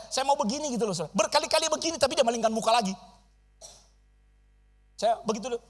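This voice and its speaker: A middle-aged male pastor, telling a story in his sermon and acting out the dialogue with big swings in loudness. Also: very high voice.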